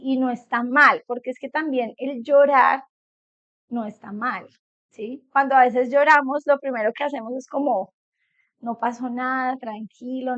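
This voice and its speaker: A middle-aged psychologist with a fairly high, slightly bright voice gives a conversational talk to parents in a meeting room with an audience, frequently checking in with them. The recording sounds dull and lo-fi.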